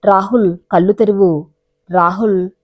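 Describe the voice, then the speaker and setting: A woman's voice: mid-range voice, fairly even intonation, a little slow, no echo, dull audio, close to an everyday voice. A woman voicing a desperate, tearful young wife who pleads and cries out, in a storybook reading. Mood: anguished.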